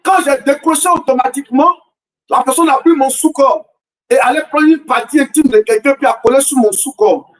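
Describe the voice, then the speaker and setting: A man preaches a fervent sermon in a strikingly high voice. He hammers at repeated questions, often shouting, and drifts into a sing-song preaching cadence. His voice sounds distant from the microphone. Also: fairly quick. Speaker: prophet preaching a morning prayer.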